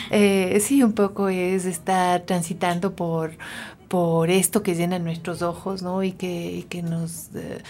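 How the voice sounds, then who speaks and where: A woman's voice: on the low side, level tone, slow, a little mellow. Hesitant woman, singer guest. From Ecuador. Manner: reflective, hesitant, many fillers and tag questions. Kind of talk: radio interview.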